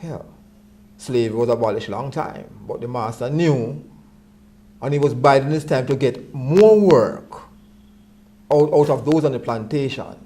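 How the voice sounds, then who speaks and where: A man's voice: medium pitch, normal speed, long pauses, warm tone. A man with a Jamaican accent speaking Rasta-style with patois phrasing, reasoning conversationally and repeating words for emphasis.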